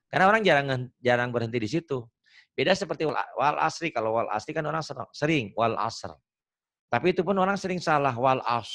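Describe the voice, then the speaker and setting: Over a video call, a man teaches Quran reading in an online lesson, repeating words so his student can copy them. He is patient and cracks jokes along the way. His voice is medium in pitch with a fairly bright tone.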